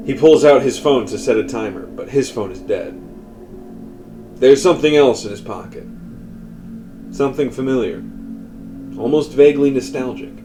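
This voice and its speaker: A man narrating a scripted horror story in a measured way, often dropping to a hushed tone. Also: medium pitch, low-quality recording.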